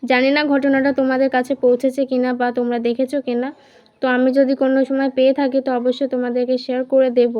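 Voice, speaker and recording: Woman vlogger, West Bengal Bengali accent, high pitch, casual rambling narration, dry recording. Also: completely flat delivery, fast, no room sound, muffled recording. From West Bengal, India. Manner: chatty, fills with "mane" and restarts.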